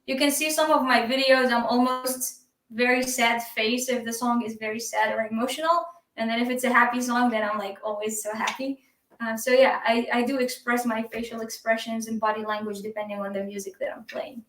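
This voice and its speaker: A woman with an Iraqi Arabic accent chats easily as a live stream guest, laughing often and filling pauses with ums. Her voice sits a little high and sounds bright and clear. She is heard on a video call from an echoey room, set back from the microphone. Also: steady tone. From Iraq. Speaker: guest drummer. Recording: echoey room, distant from the mic.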